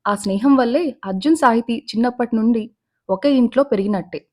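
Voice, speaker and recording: Woman narrating a story, measured and calm. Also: fairly high pitch.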